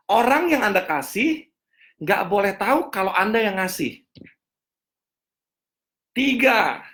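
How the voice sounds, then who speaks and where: A man teaching a finance seminar as a coach, answering audience questions, repeating key points and checking understanding with quick questions. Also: high voice, a bit bright.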